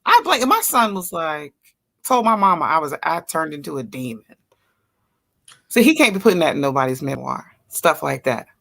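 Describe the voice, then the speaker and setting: A middle-aged woman chatting casually, animated and laughing often. Her pitch sits a little low but swoops widely, and her tone is bright and sharp. She tells her stories with plenty of energy. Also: normal speed, creaky. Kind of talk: casual chat.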